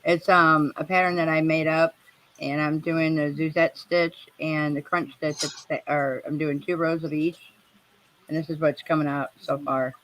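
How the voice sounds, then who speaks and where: A woman's voice: sits low, little pitch movement, normal speed, fairly bright tone, no room sound, muffled recording. A woman chatting as a guest on a livestream, friendly and supportive. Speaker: guest in the chat. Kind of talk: casual chat.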